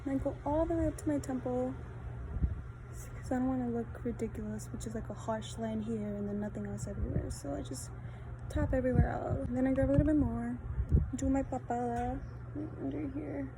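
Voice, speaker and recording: Filming a makeup tutorial outside in her backyard, a young Spanish-speaking beauty vlogger talks in a high, creaky voice at a fairly quick clip. She rambles casually, leans on lots of fillers, and makes self-deprecating jokes while wind and ambient noise fill the background.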